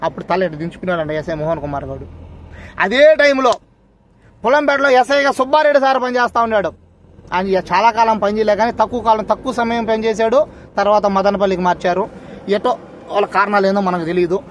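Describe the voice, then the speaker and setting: A man's voice: high voice, a little fast, a little hiss or hum. A man, speaking for a wronged man and confronting an official with pointed, repeated questions. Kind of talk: impassioned address to a camera.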